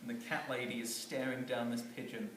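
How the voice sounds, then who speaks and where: A man rambles through a comic story, chuckling at his own jokes. His voice is set well back from the mic in a very echoey room, with noise clearly audible behind him. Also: mid-range voice, steady tone, brisk, a bit bright, recorded from a distance. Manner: rambling, chuckling, with many fillers and restarts.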